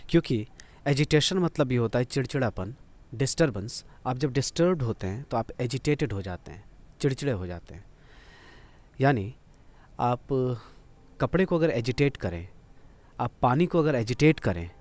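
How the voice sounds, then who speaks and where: A man's voice: medium pitch, darkish tone. A man teaching English vocabulary, explaining memory tricks patiently and repeating and spelling out each word.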